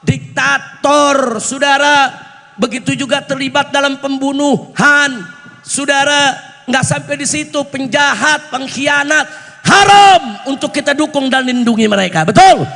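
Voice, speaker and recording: A man preaches with a very high, gravelly voice. He repeats his lines and keeps asking the crowd for answers. His voice rings with the long reverb of a large hall. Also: measured pace, pushed and bright. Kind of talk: sermon-style speech.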